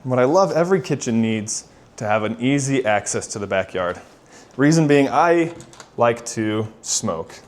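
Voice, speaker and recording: A man's voice: mid-range voice, expressive, a little slow, slight background noise. A man working as a real estate agent gives a casual walk-through home tour in an upbeat, enthusiastic manner.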